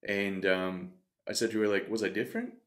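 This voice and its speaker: Brisk and a bit bright, with a low voice and fairly even intonation, a coach appearing as a podcast guest shares a personal story candidly in conversation. He is earnest and reflective, breaking into his own sentences, recorded on a stand-mounted desk mic in a bright indoor studio.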